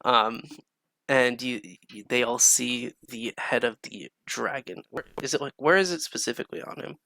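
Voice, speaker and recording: A man's voice: mid-range voice, moderate pace, creaky, sharp tone, no room sound. A young man narrating a tabletop game as game master, improvising with hesitations and fillers.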